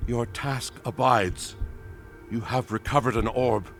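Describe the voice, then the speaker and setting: A slow, gravelly spirit being. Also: male voice, mid-range voice, a bit bright, faint music behind. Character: solemn, cryptic male spirit being.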